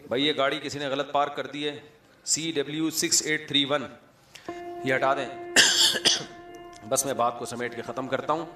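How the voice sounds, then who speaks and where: A man's voice: medium pitch, steady tone. A middle-aged man, an Islamic scholar giving a humorous sermon with chatty storytelling and asides to a live audience. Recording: echoey hall, faint music.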